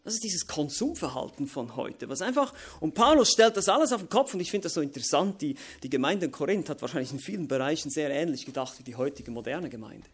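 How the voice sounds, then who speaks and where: Male pastor, slightly high voice, emphatic sermon delivery. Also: expressive, fast talker, few pauses, slightly rough. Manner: emphatic, repetitive, rising to loud climaxes. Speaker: preacher.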